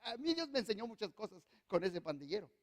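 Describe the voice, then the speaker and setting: A man's voice: sits high, very animated, fast talker. A male pastor preaching a sermon, speaking emphatically and calling on the congregation to repeat after him. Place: church hall. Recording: long reverb of a church hall.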